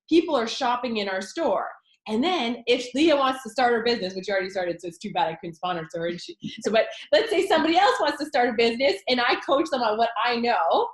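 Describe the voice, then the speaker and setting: A woman pitching her network marketing business in an excited, chatty way, with many fillers. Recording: echoey room.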